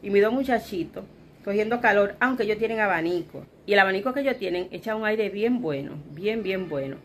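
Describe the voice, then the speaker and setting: In a casual bedroom chat, a Dominican vlogger with children speaks in an expressive, fairly quick, mid-range voice with a Dominican Spanish accent. She talks straight to her "chicas" and acts out quoted remarks from others, while a little hiss or hum runs beneath.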